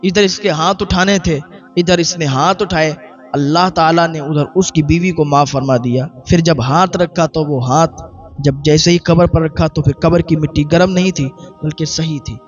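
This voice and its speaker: A man's voice: fairly high pitch, highs cut off, faint music behind. A man preaching a sermon in Urdu, telling a moral story and acting out the characters' dialogue.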